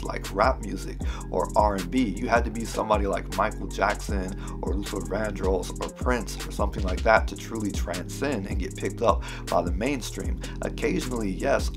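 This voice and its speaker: Middle-aged man, lowish voice, measured explanatory commentary, clear music bed underneath. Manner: articulate, measured, earnest, emphatic. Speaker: video creator giving commentary. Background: music behind the voice.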